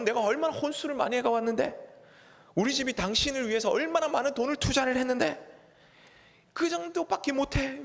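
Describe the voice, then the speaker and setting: A man voicing a nagging wife who scolds her husband in a high, complaining voice, in a reverberant church hall. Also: vocal fry, a bit bright, heavily acted.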